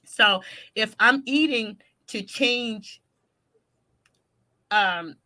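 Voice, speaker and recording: A woman's voice: a little high, very slow. A woman guest who is a fitness trainer, talking energetically in a casual interview and often restarting her sentences. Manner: energetic, talks through restarts and self-corrections.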